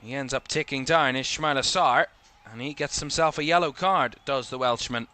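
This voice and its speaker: A young Northern Irish commentator calls the football action live and fast, lifting his delivery whenever an attack is on. His voice is mid-range with a sharp edge.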